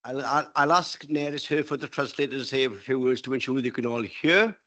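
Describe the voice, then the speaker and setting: A man speaking as a council officer, giving informal practical instructions in a halting way to a meeting. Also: medium pitch, bright, forceful tone. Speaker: council officer explaining procedure.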